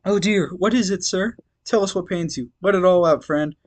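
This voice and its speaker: A man voicing a gentle, motherly young woman who coaxes someone in a soft falsetto. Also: moderate pace. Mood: soothing.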